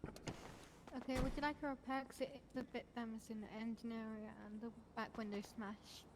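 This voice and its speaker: Woman, somewhat high voice, casual mechanic in roleplay, quick and a bit stumbling. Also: steady tone, background noise. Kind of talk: in-character roleplay chat.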